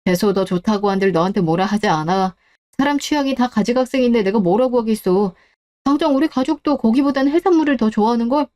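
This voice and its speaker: Woman doing a gentle caring young man. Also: fairly high pitch, quick pace, natural voice. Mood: reassuring. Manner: soft, reassuring.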